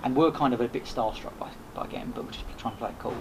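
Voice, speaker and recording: A man's voice: medium pitch, fast talker. A man, a podcast host appearing as a guest, telling a rambling casual story full of restarts and swearing. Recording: noisy background hiss.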